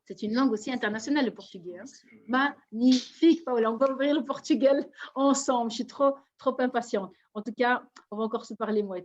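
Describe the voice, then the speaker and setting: Presenter: effusive woman from belgium, slightly high voice, dull lo-fi call audio. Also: a little fast. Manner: effusive, greets attendees by name. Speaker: network marketing presenter. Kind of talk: live online presentation.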